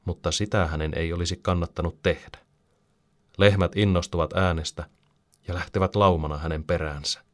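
A man reading a children's story aloud as narrator, calm and even. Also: sits low.

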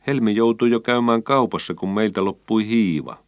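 A man's voice: lowish voice, clean tone, dry recording, studio quality, pitched above the performer's own voice, lightly acted. A man voicing a patient, firm mother in a children's story. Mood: gently firm.

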